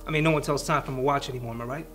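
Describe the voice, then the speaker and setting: A man's voice: mid-range voice, steady tone, rapid-fire, fairly bright tone, lightly acted. Guy acting tough cop detective, sarcastic n blunt, grilling someone in a crime drama, bit of music behind. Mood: dry probing. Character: tough, sardonic male police detective interrogating a witness. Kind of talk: naturalistic screen acting, interrogation scene.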